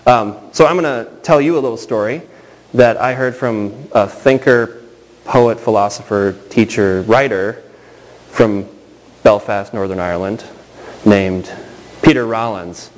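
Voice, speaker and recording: Halting, conversational male preacher. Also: on the low side, poor audio. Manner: conversational and halting, with frequent restarts and asides. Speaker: pastor. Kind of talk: sermon.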